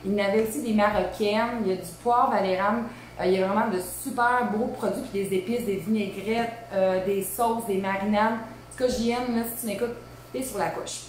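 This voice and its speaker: A woman's voice: mid-range voice, steady tone, brisk. Woman, Québécois accent, chatty cooking host, very echoey kitchen, faint background hum. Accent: Québécois French. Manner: chatty and informal, lots of fillers and asides. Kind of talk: casual live cooking demo. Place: home kitchen.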